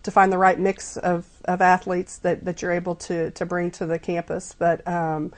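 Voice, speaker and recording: A woman, a college athletic director, answering interview questions in a measured way with frequent ums. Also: lowish voice, monotone. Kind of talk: interview guest.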